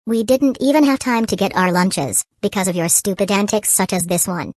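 A woman's voice: medium pitch, animated, normal speed, no echo. A woman voicing a bossy, threatening teacher. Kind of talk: cartoon voice acting.

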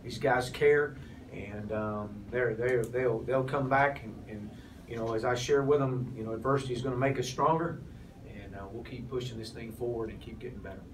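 At a postgame press conference, a man in his forties who is head football coach fields questions with frequent restarts and fillers, his mid-range voice at a moderate pace. Captured off-mic from a tableful of press mics in a press room with a sponsor backdrop, he sounds distant amid room noise.

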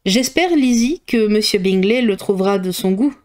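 A woman reading a novel aloud, voicing a dry, teasing middle-aged father who speaks in a slow, ironic, mocking way. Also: medium pitch, expressive, darkish tone, natural voice. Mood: wry.

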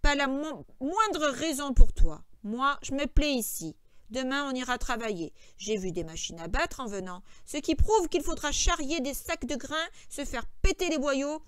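A woman's voice: high-pitched, unhurried, no echo, pitched above the performer's own voice. A woman reading an audiobook, voicing a short-tempered grown man who scolds and orders his companion about. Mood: bossy. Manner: scolding, sharp, impatient. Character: irritable, bossy adult male farmhand, short-tempered.

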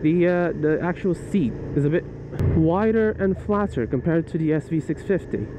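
A man's voice: fairly high pitch, normal speed. A young man chatting casually while riding his motorbike at night, rambling and thinking aloud into a wired earphone mic inside his helmet. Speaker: motorcycle vlogger. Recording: loud wind and engine noise.

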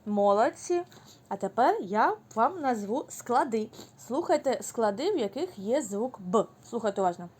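A woman teaching a phonics lesson to young children, sounding out letters slowly and clearly and encouraging them. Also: fairly high pitch, animated, darkish tone, a little hiss or hum. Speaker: preschool teacher.

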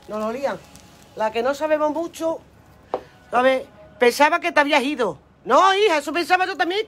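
A woman's voice: a little high, a bit bright. An older woman, hosting a chatty live stream from her phone at home. She sounds flustered by the app and reads out her viewers' names with pet names. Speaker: online seller doing a live stream.

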